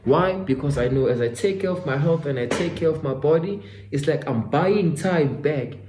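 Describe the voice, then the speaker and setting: A self-development vlogger in his twenties delivers a faith-driven motivational monologue in a voice on the high side, with lively intonation and a moderate pace. He is preachy and repetitive, calling both himself and the listener "my guy." The sound is reverberant with a noisy background.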